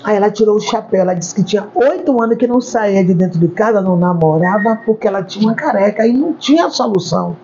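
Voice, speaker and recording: A woman's voice: mid-range voice, animated, fast talker, hardly any pauses, dark tone. A woman, a hair stylist, telling stories in an interview and repeating words for emphasis. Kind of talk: interview storytelling. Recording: dull lo-fi recording, faint background noise.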